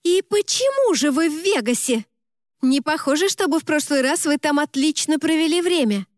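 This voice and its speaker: Young female best friend, shrill and outraged, read by a woman, high-pitched, dry close sound. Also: measured pace, a little mellow, dry recording. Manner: indignant, shrieking reproaches.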